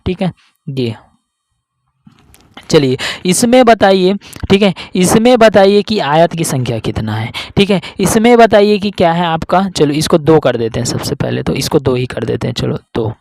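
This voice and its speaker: A man's voice: on the high side, expressive, normal speed, vocal fry, darkish tone. A man teaching an exam-prep reasoning class. He asks questions and answers them himself, sometimes speaking as his students. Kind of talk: online exam-prep lesson.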